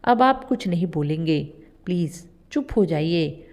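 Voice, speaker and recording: A woman doing a gentle old mother. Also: on the low side, expressive, a little slow. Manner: soothing, pleading. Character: gentle elderly mother-in-law, soft-hearted.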